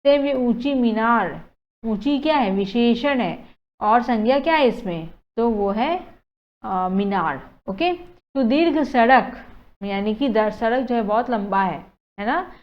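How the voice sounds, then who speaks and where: A woman's voice: fairly high pitch, animated, slow pace. A woman teacher, explaining a lesson in a chatty way, often checking "okay" with students and mixing in English words. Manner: chatty, mixes in English words, frequent "theek hai" checks. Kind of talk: casual classroom explanation. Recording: dull lo-fi sound.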